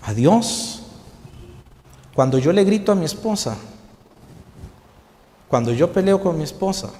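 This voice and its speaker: A man preaching a sermon as a pastor, asking the congregation questions and dropping his voice softly for quoted lines. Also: sits high, expressive, a little slow. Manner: earnest preaching with rhetorical questions, soft quoted asides. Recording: long hall reverb.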